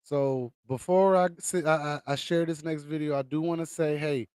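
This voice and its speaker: A man's voice: a little high, fairly even intonation, moderate pace, a little mellow, clear, resonant tone, no room sound, studio quality. An American man hosting a livestream, delivering an impassioned late-night conspiracy rant with indignant, emphatic repetition for punch. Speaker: livestream host.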